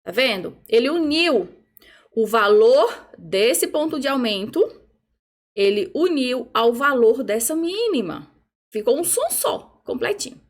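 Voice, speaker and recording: A woman's voice: on the high side, big pitch swings, unhurried. A woman music teacher patiently explaining a rhythm exercise, checking in often and chanting rhythm syllables. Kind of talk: online music theory lesson.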